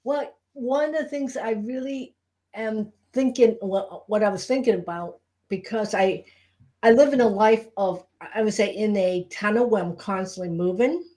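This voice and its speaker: A woman's voice: mid-range voice, normal speed, warm tone. Woman co-hosting a casual live chat. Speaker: co-host and Reiki teacher.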